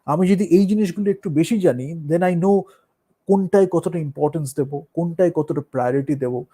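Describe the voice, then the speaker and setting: A man with a Bengali accent, a musician and performer, talking in a casual, thoughtful way, slipping English phrases into his speech and pausing with fillers. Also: on the high side, warm tone, husky. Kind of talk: casual talk on art and performance.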